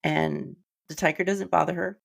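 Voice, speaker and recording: Deep gravelly woman podcast co-host. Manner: reflective, emotional, pauses to steady herself. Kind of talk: casual film discussion.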